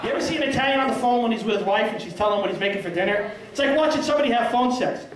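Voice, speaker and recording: A man's voice: extremely high pitch, lively intonation, racing. A man doing a self-deprecating stand-up comedy set of punchy one-liners in a small restaurant. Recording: echoey room, far from mic, crowd laughing.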